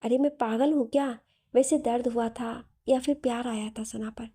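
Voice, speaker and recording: Storybook casting: a woman playing a playful, teasing young woman, high and mellow. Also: steady tone, normal speed, breathy edge. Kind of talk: storybook narration.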